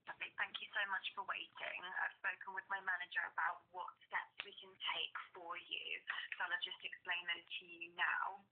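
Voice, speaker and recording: A woman support worker on a phone call, explaining things gently and carefully, heard over a phone line. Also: on the low side, flat delivery, brisk, slightly rough.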